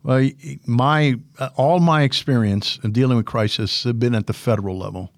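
The guest on this casual podcast interview is an older former military public affairs officer and instructor with a big, commanding voice of medium pitch, speaking at normal speed. Telling his stories animatedly, he repeats himself and keeps restarting sentences, and the close recording is dry with no room ambience.

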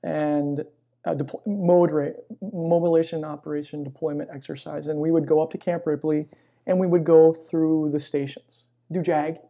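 A middle-aged man, a chaplain being interviewed, telling personal stories in a reflective, conversational way with pauses mid-phrase. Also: on the high side, level tone, gravelly, dark tone, dull audio. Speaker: military chaplain and pastor, interview guest. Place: inside a church.

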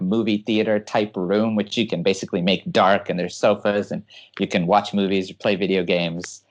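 A man from California, a guest engineer giving eager, explanatory interview answers and laughing often as he talks. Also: low voice.

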